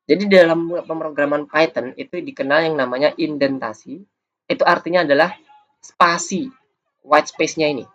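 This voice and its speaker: A man's voice: fairly high pitch, moderate pace, a bit bright. Man, programming teacher, patient step-by-step explaining, screencast lesson, muffled lo-fi sound. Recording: dull lo-fi audio.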